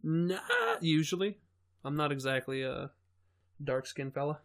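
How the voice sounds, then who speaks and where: A man's voice: a little high, fairly even intonation, a little slow. A man co-hosting a comedy podcast, reacting with profane, joking banter. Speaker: podcast co-host. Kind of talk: casual comedy chat.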